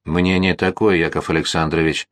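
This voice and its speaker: A man voicing an exhausted, half-deaf male artillery colonel who slurs and shouts his words in a dry audiobook reading. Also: lowish voice, animated, moderate pace, no room sound, natural voice. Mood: quiet. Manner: slurring, shouting.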